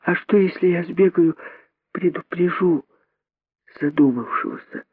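A male narrator voicing an excitable little girl monkey, high, eager and pleading. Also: unhurried, husky, dry recording. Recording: narrow phone-like band.

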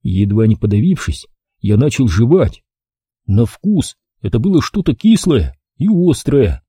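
A man narrating an audiobook with lively, expressive storytelling. His voice is deep-toned and mellow with a husky grain, and his pitch moves a lot. The recording is close and dry. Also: unhurried, dry recording.

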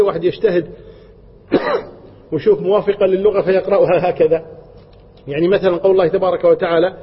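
Husky high-voiced man teaching Quran. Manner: explanatory, repeats key points, asks rhetorical questions. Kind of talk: religious lesson explaining Quran verses. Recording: dull lo-fi recording with long hall reverb.

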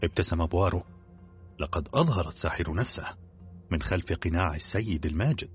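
A man narrating an audiobook in a brisk, even storytelling manner. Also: sits low, music in the background.

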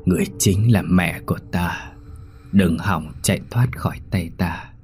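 A man voicing a creepy possessed doll girl who pleads and wheedles in a drawn-out way, in a horror story reading. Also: low voice, a little mellow, a little hiss or hum. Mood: menacing.

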